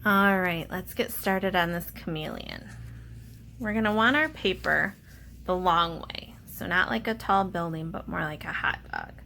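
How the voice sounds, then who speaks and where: Low-leaning and a little slow, this woman's voice has vocal fry and a pushed, bright quality, with slight background noise. As an elementary art teacher, she explains things to children simply and step by step, with playful asides, as in a read-aloud and drawing lesson.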